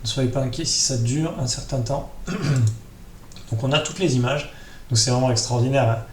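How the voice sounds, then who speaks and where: A man with a mid-range voice and moderate pace hosts an informal screen-share tutorial, taking his viewers through each step and speaking right to them. The audio carries a roomy echo and clear background noise.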